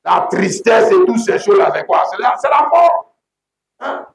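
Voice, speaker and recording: A man preaching a sermon as pastor, emphatic and repetitive, often breaking into shouts. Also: very high voice, sing-song, normal speed, vocal fry. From Côte d'Ivoire. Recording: echoey room.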